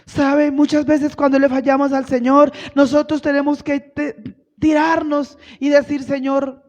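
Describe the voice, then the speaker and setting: A woman's voice: high voice, level tone, a little slow, a little mellow. A woman missionary preaching a sermon in a church, asking rhetorical questions and acting out quoted lines with growing force. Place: church hall. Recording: reverberant church hall, dull lo-fi sound.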